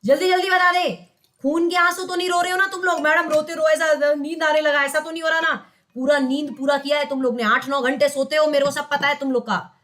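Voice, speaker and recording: A woman's voice: high voice, fairly even intonation, fast, fairly bright tone. A young Indian woman teaching law in an online class, mixing English terms into Hindi, quizzing her students and coaxing them as "beta".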